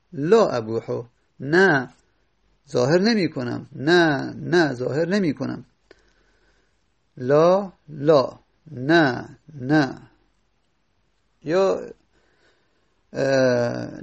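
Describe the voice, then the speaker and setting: A man's voice: fairly high pitch, gravelly. A man giving a patient grammar lesson, repeating phrases and quoting Arabic verse as he explains them. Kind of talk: classroom lecture explaining grammar.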